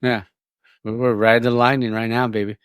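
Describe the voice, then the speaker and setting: A man's voice: mid-range voice, flat delivery, brisk, clear, resonant tone, dry recording, clean studio sound. A man bantering casually on a podcast, jokey and loose with swearing.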